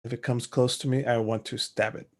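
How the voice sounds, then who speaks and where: A man's voice: medium pitch, flat delivery, fairly quick. A man chatting casually as a player in a tabletop game over a video call.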